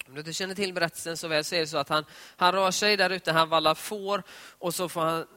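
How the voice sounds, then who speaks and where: A man giving a conversational devotional talk on prayer, retelling scripture scenes in lively voiced dialogue. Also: fairly high pitch. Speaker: preacher. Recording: long hall reverb.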